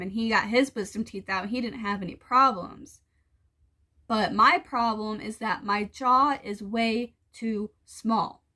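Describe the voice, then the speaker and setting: A woman's voice: fairly high pitch, a bit bright. A woman talking casually to viewers in a personal vlog, explaining things in a conversational, mildly exasperated way. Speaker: vlogger.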